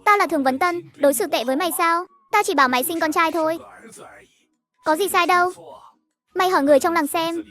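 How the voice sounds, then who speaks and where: A woman's voice: very high voice, fast, a bit bright, faint music behind. A woman voicing a stubborn old husband. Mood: indignant. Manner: defensive, self-justifying.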